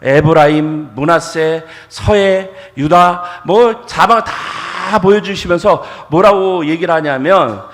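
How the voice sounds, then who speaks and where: Animated Korean male preacher. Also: a little high, takes it slowly, hardly any pauses. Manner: animated preaching, acts out dialogue, rhetorical questions to congregation. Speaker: pastor. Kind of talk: sermon. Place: church sanctuary. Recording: church hall reverb.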